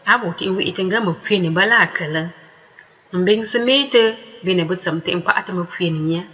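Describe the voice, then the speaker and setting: A woman teaching a language lesson, saying each word slowly and deliberately and repeating it twice before explaining it. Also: lowish voice, sharp tone, dull audio. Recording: echoey room with long reverb.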